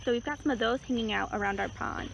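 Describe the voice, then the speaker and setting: A woman serving as a nature guide talks quickly in a rather high voice, explaining things casually beside a pond in a relaxed, chatty way full of fillers and hedging words. The outdoor recording is muffled, with clear cricket and insect noise from the rural setting.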